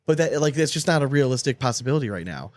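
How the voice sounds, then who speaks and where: A man's voice: mid-range voice, expressive, fast, a little mellow, no room sound. A man hosting a casual podcast conversation, talking informally and repeating himself for emphasis. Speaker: podcast host.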